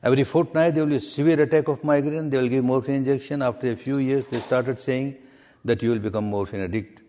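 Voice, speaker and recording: A man from Myanmar, a meditation teacher answering questions in a deliberate way and repeating key words for emphasis. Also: medium pitch, steady tone, warm tone, a little hiss or hum. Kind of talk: answering questions in a spiritual talk. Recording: long reverb of a hall.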